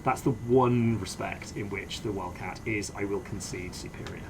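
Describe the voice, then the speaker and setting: A man playing a helicopter pilot in a military game, speaking in measured, understated phrases that switch between casual chat and radio procedure. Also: lowish voice. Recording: loud helicopter noise behind voice.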